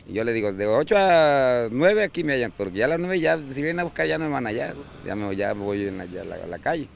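Gravelly guy, street fish seller, rambly with lots of fillers, a bit of outdoor noise. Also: fairly low pitch, expressive, quick pace. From Mexico. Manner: rambling, with many fillers and restarts. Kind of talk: casual interview.

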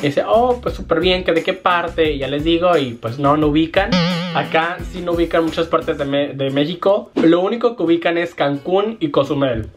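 Talking casually to a camera fixed at his desk, a young adult vlogger from Jalisco, Mexico, fills his small bedroom with lively, slang-heavy chatter. His voice runs somewhat high, his hands never stop moving, and he does quick impressions of anyone he quotes, all over faint guitar music.

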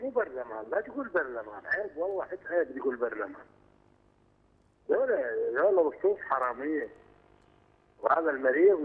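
An Iraqi man calls in over a tinny phone line, speaking fast and indignantly. His voice is husky and swings widely in pitch, with a long reverb around it. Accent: Iraqi Arabic. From Iraq. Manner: indignant, repeats himself. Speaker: caller. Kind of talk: phone-in call.

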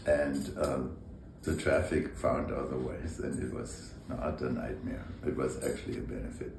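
Very deep-voiced older man, roomy sound. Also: level tone, gravelly. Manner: thoughtful, measured, occasional hesitations. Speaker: architect and urban planner, interview guest. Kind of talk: conversational interview. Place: indoor room with brick walls. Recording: roomy echo, faint background hum.

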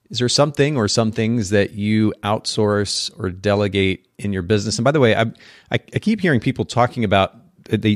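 A man's voice: lowish voice, no room sound, clean studio sound. A man hosting a podcast interview, thoughtful and conversational, often repeating words as he restarts his sentences. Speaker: podcast host.

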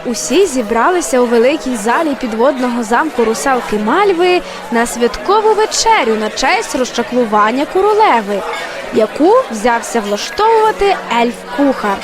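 A woman narrating an audio fairy tale in a gentle storytelling manner. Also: a little high, sing-song, normal speed, music in the background, crowd noise.

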